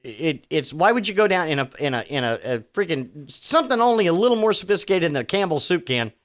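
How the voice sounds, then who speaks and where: Sarcastic, animated male podcast host. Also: on the high side, fast. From Virginia. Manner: sarcastic, profane, stumbling restarts. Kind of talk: sardonic news commentary podcast. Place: home studio.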